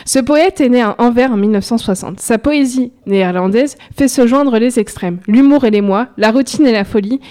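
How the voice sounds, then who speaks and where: A woman presenting a poetry game on a radio show, playful and quick to laugh. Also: fairly high pitch, warm tone. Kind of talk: radio chat and reading.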